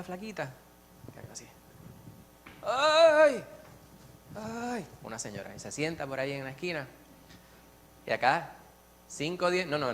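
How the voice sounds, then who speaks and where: A man sharing at a church Bible study, earnest and lively, telling stories with many restarts and asides. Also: fairly high pitch. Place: church classroom.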